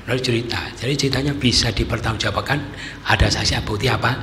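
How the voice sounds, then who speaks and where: A man's voice: medium pitch, fairly even intonation, fast talker, bright, forceful tone. A man giving a conversational sermon, often asking his listeners rhetorical questions. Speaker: preacher. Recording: echoey hall with faint noise.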